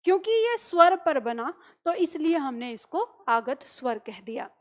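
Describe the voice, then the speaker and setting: High-voiced woman teaching a lesson. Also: sing-song, a little slow. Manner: explains step by step, asks the class rhetorical questions and answers them herself. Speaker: Hindi teacher. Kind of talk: classroom-style grammar lesson.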